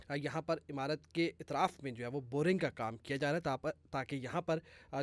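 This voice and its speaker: A male sports reporter, his voice sitting slightly higher than most men's. He reports steadily but fills the gaps with long "aa" sounds. The recording is dry, with little room sound. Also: no room sound. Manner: many drawn-out "aa" fillers between phrases. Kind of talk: on-site news report.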